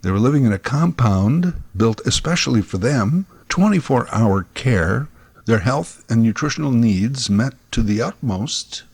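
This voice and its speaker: A man's voice: mid-range voice, lively intonation, measured pace, darkish tone, husky, no room sound. A man giving scripted documentary narration in a conversational way, recorded on a close microphone.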